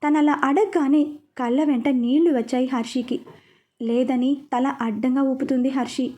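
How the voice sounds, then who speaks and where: A woman narrating a serialized romance story in a steady, gentle reading voice. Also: high voice, moderate pace.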